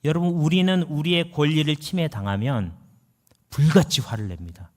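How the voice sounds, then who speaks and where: A man preaching a sermon as pastor, telling a story in a lively way, with sudden rises and drops in his pitch and volume. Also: normal speed.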